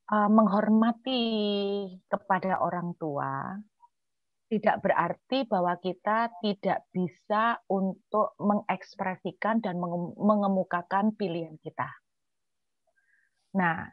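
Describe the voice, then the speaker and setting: A woman speaking earnestly in an online church discussion, with many filler sounds and a voice that drops softly at times. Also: mid-range voice, dry recording, highs cut off. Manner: earnest, with frequent filler sounds, softening to hushed tones when quoting herself. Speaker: church speaker answering questions.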